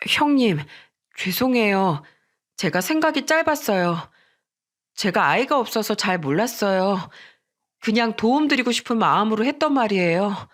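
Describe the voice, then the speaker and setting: A woman's voice: mid-range voice, expressive, normal speed, close to an everyday voice. A woman reading the part of a blunt, rude young sister-in-law who talks back in a storybook drama. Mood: contrite.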